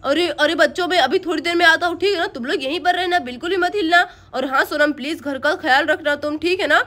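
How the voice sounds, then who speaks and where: A gentle, worried village father, played by a woman in a cartoon story. His voice sits high and he keeps reassuring his family in a soft, soothing way. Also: fast talker. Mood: flustered. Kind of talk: Hindi cartoon story voice acting.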